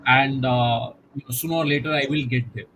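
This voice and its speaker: A middle-aged man, a guest in a conversational interview, speaking in a reflective, measured way with many "you know" fillers over a video call. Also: mid-range voice, steady tone, fairly bright tone, a little hiss or hum, poor audio.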